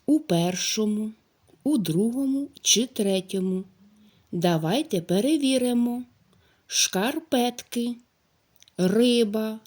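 A woman teacher speaks to young children at a very slow, deliberate pace, stretching out each word and sound. Her voice is mellow and warm, with lively rises and falls in pitch. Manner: slow, drawn-out, clearly articulated speech for young children. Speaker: primary school teacher.

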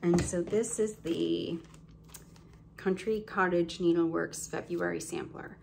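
A woman chats casually to her camera at home, showing off her stitching with plenty of ums and restarts. Her voice sits low with a gravelly edge and sounds a little congested. A faint hiss runs under the recording. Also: fairly even intonation, takes it slowly. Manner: chatty, rambling, many ums and self-corrections. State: slightly congested, coughing now and then. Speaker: cross-stitch vlogger. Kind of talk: casual show-and-tell chat.

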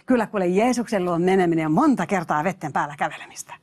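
A woman's voice: fairly low pitch, animated, a little mellow. A woman preacher giving a sermon, emphatic, exclaiming hallelujahs and speaking straight to her listeners.

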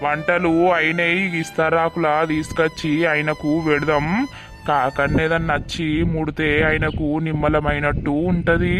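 A man voicing a village elder with a Telangana Telugu accent, steadily directing the family through funeral rites in an animated cartoon. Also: on the high side, moderate pace, over music, lightly acted. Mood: steady. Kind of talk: animated village comedy dub.

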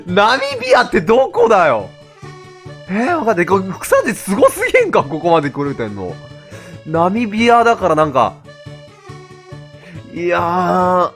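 Excitable male game streamer, very high voice, bouncy delivery, background music under him. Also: normal speed, long pauses. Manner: excitable, laughing, talks to himself. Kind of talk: casual gameplay commentary.

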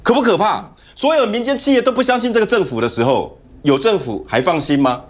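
A man's voice: high voice, fairly quick. A man with a Taiwanese Mandarin accent giving heated political commentary as a talk show guest in a TV studio, telling stories and mimicking others. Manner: animated, storytelling, mimics others.

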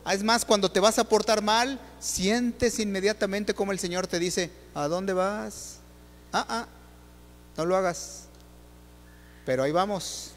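A man's voice: on the high side, a little hiss or hum. Man preaching in an echoing church. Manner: questions the audience directly, rhetorical and animated. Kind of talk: sermon. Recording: long hall reverb.

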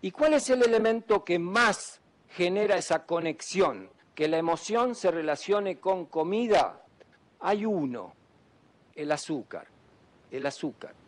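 A man's voice: sits high, animated, a little slow. A man, a doctor giving an emphatic public talk to students and often asking them questions. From Argentina. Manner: asks the audience questions, emphatic.

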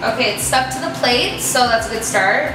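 A woman's voice: fairly high pitch, animated, moderate pace. A young woman in her twenties chatting casually and exclaiming as she cooks in her home kitchen, recorded by a camera mic at medium distance. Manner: chatty, exclaiming, self-mocking. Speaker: vlogger cooking in her kitchen. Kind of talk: casual cooking vlog. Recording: echoey kitchen with background music.

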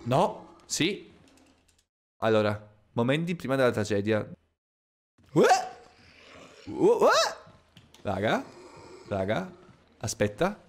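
Excitable gamer guy streaming a horror game, swears a lot, mutters then yells, voice bouncing all over. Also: fairly low pitch. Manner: swearing, excitable, quick shifts from muttering to yelling. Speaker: gaming streamer. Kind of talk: live gameplay commentary.

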